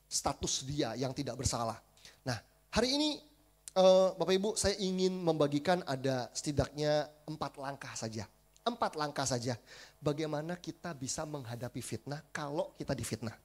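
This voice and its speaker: A male pastor, preaching a sermon in a chatty, animated storytelling manner and often addressing the congregation directly. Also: on the high side. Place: church service.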